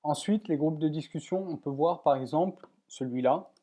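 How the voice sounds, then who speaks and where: A man's voice: on the high side, normal speed, mellow. A man walking viewers through a computer program step by step in a plain, methodical screen-recorded tutorial, with many fillers. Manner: plain, methodical explaining with frequent "voilà" and fillers. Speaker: software tutorial presenter.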